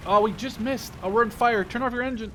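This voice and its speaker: Talking quickly in a very high, slightly bright voice, the young Canadian gaming host delivers slangy, joking live commentary full of self-mockery. He's in his twenties, and there's slight background noise from game vehicles.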